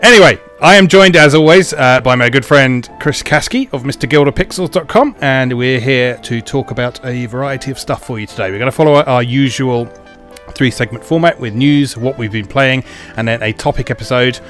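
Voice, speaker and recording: A man hosting a podcast in casual chat, lively and dry, laughing easily and poking fun at himself. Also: medium pitch, fairly quick, soft background music. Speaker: podcast host.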